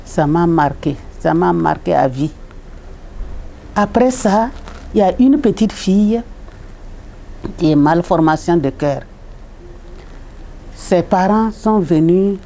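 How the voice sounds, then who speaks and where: Mellow-voiced nun telling her testimony. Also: animated, slow, creaky, pauses often, a little hiss or hum. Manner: repetitive, retells with quoted dialogue and sudden high leaps. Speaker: religious sister, hospital chaplaincy. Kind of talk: personal faith testimony.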